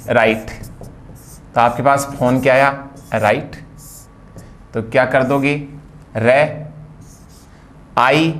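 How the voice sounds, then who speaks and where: A man from India teaching a phonetics lesson, explaining patiently and spelling out words sound by sound. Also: mid-range voice. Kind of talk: phonetics lecture.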